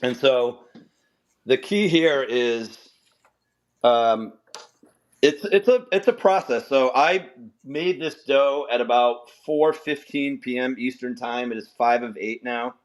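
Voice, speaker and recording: A man's voice: mid-range voice, slow. A man with a Rhode Island accent hosting a casual livestream from his home kitchen, explaining his pizza-making step by step with many restarts. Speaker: livestream host cooking pizza. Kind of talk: casual livestream chat while cooking. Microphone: camera on a handheld gimbal.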